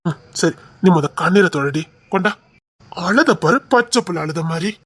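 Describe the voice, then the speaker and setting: A man's voice: sits high, animated, moderate pace, a bit bright, no echo. A man with a Tirunelveli Tamil accent, playing a caring young village man who teases affectionately. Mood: coaxing. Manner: affectionate, teasing, easygoing. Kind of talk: web series drama acting.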